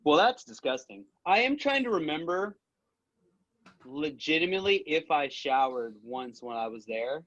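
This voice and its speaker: A man's voice: on the high side, sing-song, normal speed, fairly bright tone. Rambling young man, slightly muffled. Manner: self-deprecating, rambling storyteller. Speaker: guest, old friend. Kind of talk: casual chat between old friends.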